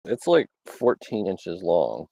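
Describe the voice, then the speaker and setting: Slow and gravelly, this young man's low, dark voice swoops wildly in pitch and sounds slightly rough, with no room sound. He's a livestream host from Georgia in the US South, rambling casually outdoors with plenty of fillers and little laughs.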